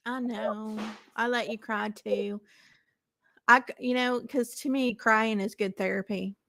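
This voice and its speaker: A woman's voice: a little high, steady tone, a little slow, vocal fry, a bit bright, no room sound. A woman calling into a live stream as a guest, chatting casually in a frank, reassuring way. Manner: reassuring, frank, gives opinions. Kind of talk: casual conversation.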